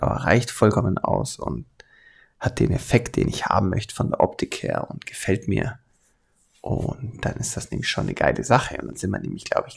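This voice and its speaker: With a lowish, gravelly and slightly rough voice, the airbrush artist runs a hands-on tutorial in a relaxed, colloquial way. He carries a light Swabian accent and chuckles often while he chats.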